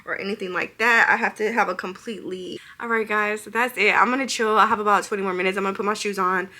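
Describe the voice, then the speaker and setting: A woman's voice: mid-range voice, fairly even intonation, quick pace, pushed and bright. A young woman vlogging casually into a handheld phone, chatty and nervous, laughing through her anxiety. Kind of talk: casual vlog to camera. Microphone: handheld phone camera.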